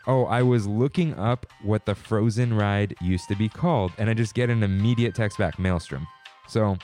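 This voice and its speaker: A man's voice: lowish voice, moderate pace, faint music behind. A man, co-hosting a podcast in casual chat and telling stories with lots of laughter. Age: 20s. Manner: animated, laughing storyteller. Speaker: podcast co-host.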